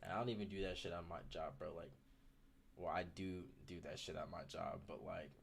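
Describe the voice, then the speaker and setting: A man's voice: low voice, fairly even intonation, fairly quick, creaky, slight background noise. A man chatting casually in frat-bro slang, rambling and swearing as he tells stories on a podcast. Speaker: podcast host. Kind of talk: casual chat, rambling storytelling.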